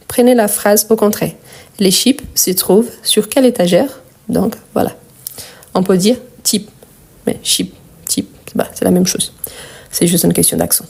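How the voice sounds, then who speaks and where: A woman with a dark, mid-range voice teaches French grammar in a live lesson, her Brazilian accent coming from her first language, Portuguese. She takes her time, repeating herself and spelling out endings.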